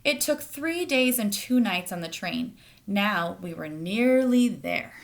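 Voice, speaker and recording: A woman with a medium-pitched, expressive voice reads a children's picture book aloud like a storyteller. She speaks directly to young listeners and pauses to ask them questions.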